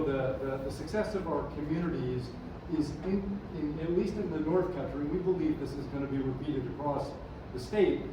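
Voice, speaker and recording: Higher-voiced man presenting in an echoey hall. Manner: conversational, with frequent hesitations and repeated words. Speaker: college president. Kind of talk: public presentation to an audience. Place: large echoing room at a conference. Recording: echoey hall, distant mic, noisy.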